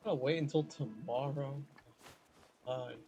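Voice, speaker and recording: Mid-pitched man chatting while gaming. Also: takes it slowly, warm tone, faint music behind. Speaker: game streamer. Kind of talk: casual chat while playing.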